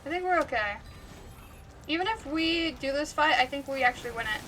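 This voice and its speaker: Woman streamer, casual play-by-play, giggly and talkative, bright tone. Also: high-pitched, animated, fairly quick, slight background noise. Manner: chatty and giggly, laughs often. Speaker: livestreamer. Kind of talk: casual gaming commentary.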